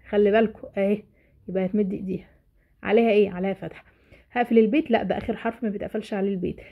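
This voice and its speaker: A woman teacher with an Egyptian Arabic accent explaining a lesson, asking herself questions and answering them. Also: on the high side. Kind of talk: explaining a lesson to parents and children. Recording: dull lo-fi recording.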